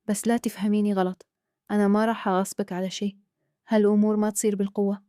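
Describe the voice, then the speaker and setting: A woman with a Kuwaiti accent voicing a calm, scheming man who speaks in a hushed, persuasive way. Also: mid-range voice, very fast, smooth, no room sound, clean studio sound, close to an everyday voice. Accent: Kuwaiti Arabic.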